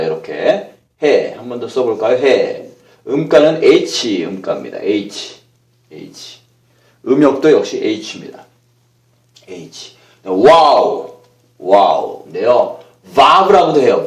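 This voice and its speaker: A man teaching a language class, explaining patiently step by step and pausing as he writes letters on a board. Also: medium pitch, a little mellow. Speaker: Hebrew language instructor. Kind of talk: classroom lecture. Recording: echoey room, voice a bit far from the mic.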